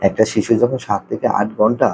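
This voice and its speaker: A man, an occupational therapist, explaining a topic to parents, repeating his points, often checking in with listeners, and sounding out letters slowly. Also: lowish voice, steady tone, a little mellow, a little hiss or hum, low-quality recording.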